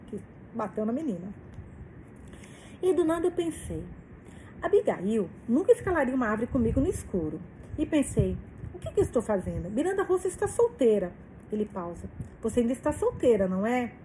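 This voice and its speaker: A woman's voice: a little high, sing-song, a little fast, dark tone, slight background noise, rough recording. A woman reading a novel aloud, reacting emotionally and swearing between passages. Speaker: book reader.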